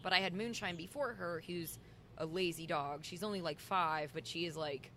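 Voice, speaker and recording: A woman guest on a podcast, telling stories in a lively way and laughing often, in an outdoor courtyard. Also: fairly low pitch, normal speed, a little hiss or hum. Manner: laughing, animated storyteller. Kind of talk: casual conversation.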